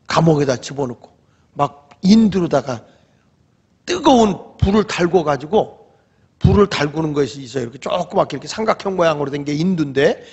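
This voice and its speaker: A man preaches a sermon in a high, husky voice, acting out the people of his Bible story as he tells it. The recording sounds dull and muffled, and long reverb trails off each phrase in the church. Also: fairly quick. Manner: animated storytelling, acting out quoted exchanges in changed voices. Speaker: pastor.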